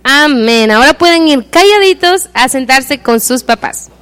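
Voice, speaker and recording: A woman telling a moral story to children at church, her voice high and lively. She speaks in an animated way and keeps asking the children what they think happened next. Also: a little slow. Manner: animated, asks the children questions.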